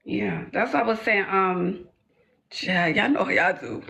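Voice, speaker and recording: A woman hosting a live call-in coaching show, talking in a sassy, animated, joking way. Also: medium pitch, measured pace, gravelly. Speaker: host, life coach.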